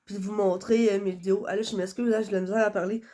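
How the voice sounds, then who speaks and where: Stuffed up from a cold, a young Quebec French-accented vlogger chats to her phone camera in a rambling way full of fillers. She talks very fast in a mid-range, mellow voice with flat delivery.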